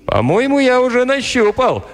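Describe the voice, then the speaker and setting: A hulking, brash young lout, as a male narrator puts him on, loud and gleeful in a raised, pushed voice. It is an audiobook character voice. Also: extremely high pitch, very animated, normal speed, long reverb tail, voice pushed up.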